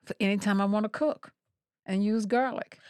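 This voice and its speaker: A woman's voice: mid-range voice, fairly even intonation, normal speed, a little mellow, clear, resonant tone, no echo, clean studio sound. A woman co-hosting a casual food and health chat like a cooking show host, folksy, playful and emphatic, speaking straight to the audience. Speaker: podcast co-host.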